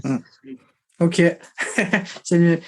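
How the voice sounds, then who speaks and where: Male podcast host, a little high, halting casual delivery. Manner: hesitant, many fillers, laughs easily. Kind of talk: casual conversational interview.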